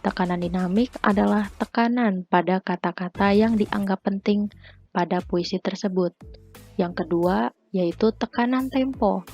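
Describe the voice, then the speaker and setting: A young woman student presenting a lesson as a voice-over for slides, reading in a measured way that lists points one by one. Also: mid-range voice, darkish tone, slightly rough. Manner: measured, read-aloud listing. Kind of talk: scripted lesson narration.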